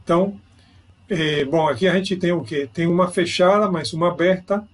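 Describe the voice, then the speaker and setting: A man's voice: sits high, moderate pace. A man giving an online grammar lesson, explaining step by step and checking in with his students. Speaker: Spanish teacher.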